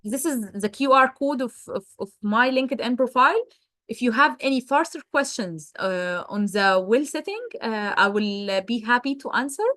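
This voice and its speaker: Woman webinar presenter, higher voice, close dry mic, halting delivery full of "uh"s. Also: fairly bright tone, dry recording. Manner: hesitant, many fillers and restarts. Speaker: webinar presenter, wellsite geologist. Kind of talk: answering questions in a live webinar.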